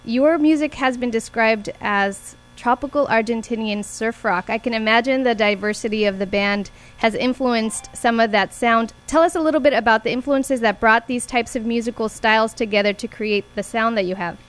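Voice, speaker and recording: A woman hosting a community radio interview from the studio, with clear, scripted introductions. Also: a little high, moderate pace, hardly any pauses. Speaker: radio host.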